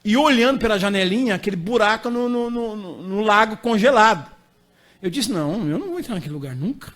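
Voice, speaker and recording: Man, Brazilian evangelist, middle-aged, high voice, animated sermon storytelling. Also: brisk. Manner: animated storytelling, acting out dialogue with laughter. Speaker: evangelist preacher. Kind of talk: sermon anecdote.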